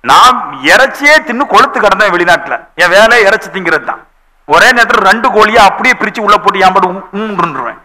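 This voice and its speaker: A man preaches a sermon as a pastor, his voice pitched very high with a sharp, piercing edge. He tells stories with animated delivery, slipping into the voices of the people in them. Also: quick pace, rough recording. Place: church.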